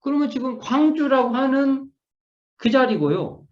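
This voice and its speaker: A man's voice: very high voice, lively intonation, measured pace. A middle-aged man, a minister, gives an online scripture lecture, repeating key words and restarting often as he muses through his explanation. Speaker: Won Buddhist minister teaching scripture. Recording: echoey room, dull lo-fi sound.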